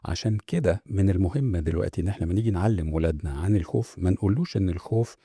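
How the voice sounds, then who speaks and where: A man with an Egyptian accent talks very fast in a low, gravelly voice with a husky edge. He hosts a motivational podcast and works through rhetorical questions, checking in with his listeners as he goes. The recording is dry and close. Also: mellow, no room sound. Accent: Egyptian Arabic. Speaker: podcast host. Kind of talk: motivational talk monologue.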